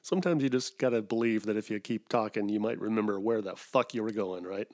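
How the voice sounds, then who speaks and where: A man's voice: fairly low pitch, a little fast, a little mellow. A middle-aged man from Wisconsin hosting a solo podcast, rambling through digressions with self-mocking asides. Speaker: podcast host.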